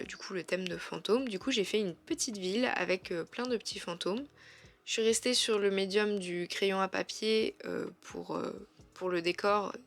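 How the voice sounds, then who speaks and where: Woman vlogger, casual voice-over, chatty, lots of hesitations and restarts, candidly self-critical about her drawings. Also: mid-range voice. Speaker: art vlogger.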